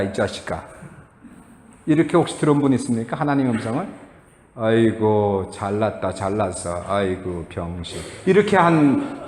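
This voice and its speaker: A middle-aged man preaching a sermon as a pastor, telling stories with animated acted-out quotes and chuckles. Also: on the high side. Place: church sanctuary. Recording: echoey church hall.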